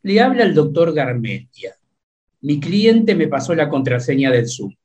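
A man plays a lawyer in a comedy sketch. He speaks in a firm, formal, official manner with a slightly high voice. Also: big pitch swings, measured pace, a little mellow. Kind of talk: comic sketch acting.

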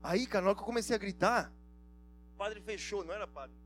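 A man preaching a sermon, telling stories in a lively, slangy way and acting out the dialogue. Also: high-pitched, fast, a little hiss or hum. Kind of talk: sermon with storytelling.

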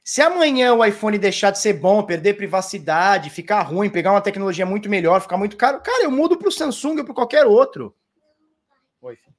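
A man's voice: high voice, lively intonation, a little fast, few pauses. A man in his thirties from Brazil talking casually to viewers about crypto, rambling and swearing freely. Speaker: crypto commentator.

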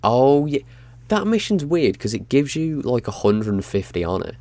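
A man's voice: medium pitch, very animated, moderate pace, warm tone, no echo. A man co-hosting a podcast in casual chat, blunt and swearing often. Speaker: podcast co-host.

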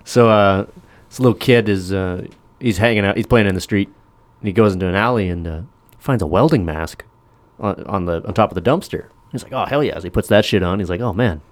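A man's voice: low voice, brisk, hardly any pauses. A man hosting a podcast, chatting casually, telling jokes and laughing often. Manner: laid-back, laughs often, rambling storyteller. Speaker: podcast host. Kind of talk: casual chat and joke telling.

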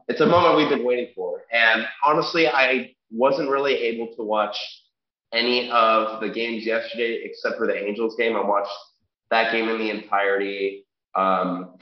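A young man with a congested, nasal voice, low-ish in pitch and steady at a normal speed, co-hosts a sports podcast. His chat is casual, with frequent ums and restarts. The recording sounds dull and lo-fi in an echoey room.

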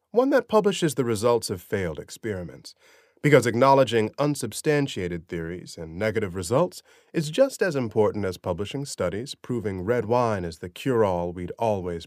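A man's voice: fairly low pitch, a little mellow, no room sound. A man reading a story aloud in a dry, sardonic narrating style. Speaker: audiobook narrator. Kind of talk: scripted narration.

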